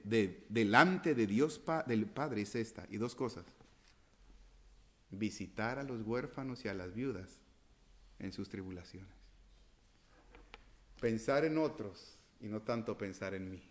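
A male pastor preaching a sermon, firing rhetorical questions and swinging between raised emphasis and near-whispered asides. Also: lowish voice.

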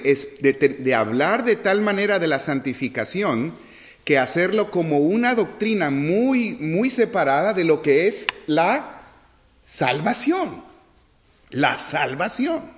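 A man teaching a sermon in a fairly high, animated voice whose pitch rises and falls freely. He asks the listeners questions and answers them himself, often breaking off and restarting. The sound is roomy, with a long hall reverb behind him. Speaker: preacher teaching a church class.

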